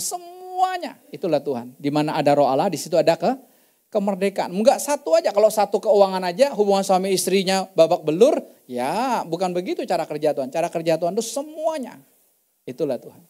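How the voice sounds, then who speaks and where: A man's voice: high voice, big pitch swings, brisk, mellow. A man pastor preaching a church sermon, telling testimony stories in an emphatic, conversational way. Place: church service.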